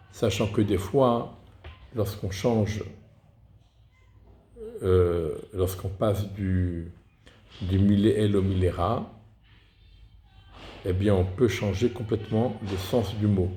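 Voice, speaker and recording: A man explaining reading rules in a deliberate lesson, often restarting his words. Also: on the low side, dark tone. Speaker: Torah reading teacher. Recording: echoey room.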